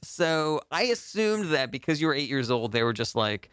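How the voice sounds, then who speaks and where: A man's voice: on the high side, big pitch swings, normal speed, fairly bright tone, a little hiss or hum. A man playing an interviewer in an improv comedy bit, asking earnest questions peppered with fillers. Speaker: mock interviewer host.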